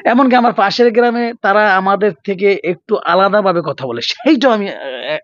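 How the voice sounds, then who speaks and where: A man's voice: high voice, animated, moderate pace, fairly bright tone, no echo. A man from Gopalganj, Bangladesh, hosting a casual interview, addressing viewers and prompting his guest with hesitant fillers. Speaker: interview host. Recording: dull, dry lo-fi sound.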